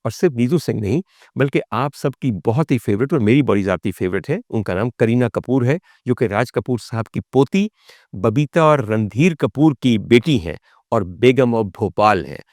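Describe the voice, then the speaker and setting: Hosting a vlog, a Pakistani-accented man delivers a storytelling monologue about film history, theatrical and formal, with rhetorical questions, formal audience addresses and English phrases woven in. His mid-range voice has lively intonation and a slightly mellow quality at a moderate pace. There's no echo, and the sound is studio quality.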